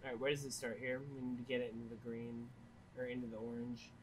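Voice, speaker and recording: A woman's voice: a bass voice, flat delivery, fast, slight background noise, poor audio. A woman streaming a video game, giving casual, profane commentary and reacting aloud as she plays.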